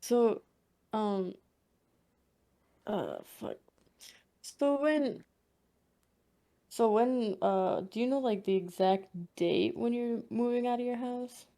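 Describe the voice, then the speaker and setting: A woman's voice: fairly high pitch, slow pace, long pauses, mellow. Young woman, podcast co-host, casual chat, giggly, swears freely, rambling stories. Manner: giggly, profane, rambling anecdotes.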